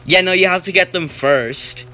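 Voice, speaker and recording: A woman's voice: lowish voice, moderate pace. Panicky young woman gaming, music behind. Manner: panicky, laughing, exclaiming often. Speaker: gaming youtuber. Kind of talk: frantic casual gameplay chat. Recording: game music playing behind.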